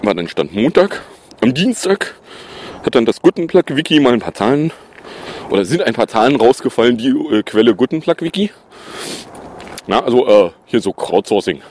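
A man's voice: medium pitch, big pitch swings, moderate pace, pauses often, darkish tone, slight background noise. A man giving sarcastic, mocking commentary in a casual, off-the-cuff way.

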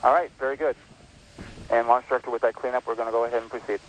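Launch controller, male, clipped and quick, heard through a far-off clicky mission radio. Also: medium pitch, steady tone. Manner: brisk, clipped procedural callouts. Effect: clicky space-center radio loop. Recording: distant radio loop with noise.

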